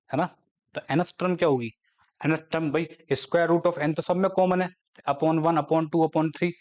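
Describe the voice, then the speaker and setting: A man with a fairly high voice teaches a maths lecture at a board. He walks through each step, putting questions to the class and answering them himself. He drops to a slow, careful pace when he reads out a formula. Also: highs cut off. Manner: explains step by step, asking and answering his own questions; slows right down when dictating formulas.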